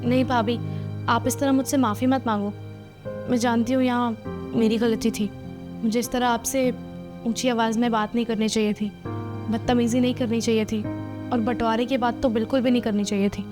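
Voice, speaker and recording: A woman's voice: a little high, steady tone, normal speed, music in the background, natural voice. A woman playing a young wife who apologetically pleads with her sister-in-law in a scripted family drama. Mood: contrite.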